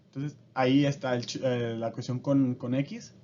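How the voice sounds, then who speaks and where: A man's voice: mid-range voice, little pitch movement, normal speed, mellow, slight background noise. A man teaching a casual lesson, explaining step by step and often checking in with his listeners. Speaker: language teacher. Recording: dull lo-fi audio.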